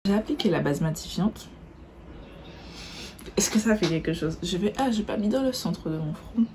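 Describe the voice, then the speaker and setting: A woman's voice: medium pitch, animated, moderate pace, noisy background. A woman chatting casually through a makeup tutorial, correcting herself as she goes and describing each product while she applies it. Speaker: beauty vlogger.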